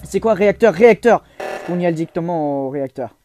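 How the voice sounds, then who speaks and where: A young man giving casual let's-play commentary, chatty, restarting his sentences, with excitable bursts. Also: a little high, fast talker, faint music behind. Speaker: gaming YouTuber.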